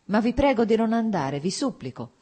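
A woman's voice: fairly high pitch, big pitch swings, moderate pace, mellow, slightly rough, pitched above the performer's own voice. A woman reading aloud, voicing a young nobleman officer who speaks in a pleading yet guarded way. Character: tense young nobleman officer, restrained and cold.

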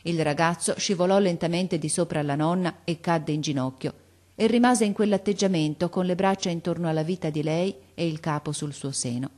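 A woman narrating a classic tale in a measured, dramatic way. Her voice sits on the low side for a woman, steady and unhurried. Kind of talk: scripted narration of a classic story.

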